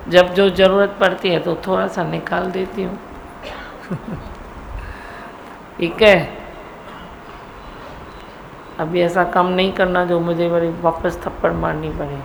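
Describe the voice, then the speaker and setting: With a fairly low, steady voice that is slow and gravelly, a middle-aged woman spiritual guru teases and scolds devotees during satsang. It comes through a low-quality recording with a little background noise.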